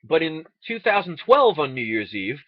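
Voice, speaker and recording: A man's voice: a little high, expressive, normal speed, creaky, no echo, lo-fi sound. A man from the United States delivering an impassioned, indignant political rant, sarcastic and full of rhetorical questions. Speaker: online video ranter.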